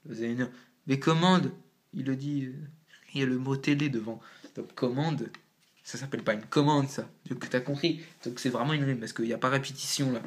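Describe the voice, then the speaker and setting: Slangy young man explaining casually. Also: mid-range voice. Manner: slangy, loose, thinking aloud. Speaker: amateur rapper explaining rhyme. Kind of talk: casual home-made tutorial.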